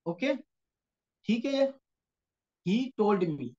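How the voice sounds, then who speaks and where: This online class lecture on grammar comes from a Quranic Arabic teacher whose high, darkish voice is very animated, with drawn-out words. Heard via computer mic on a video call in dull lo-fi audio, he explains patiently and frequently checks in with his students.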